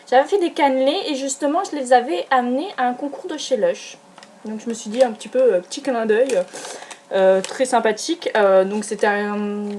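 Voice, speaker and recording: A woman's voice: fairly high pitch, darkish tone, a little hiss or hum. A young adult woman chatting casually through a beauty product haul, gushing and hesitant, with many fillers and restarts. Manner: enthusiastic, gushing. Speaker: beauty vlogger.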